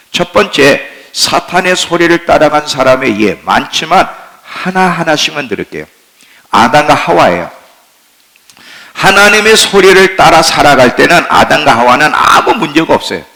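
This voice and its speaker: Male pastor, sermon, gravelly voice, bright and forceful, somewhat high. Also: rough recording. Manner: plain-spoken, asking questions of the congregation.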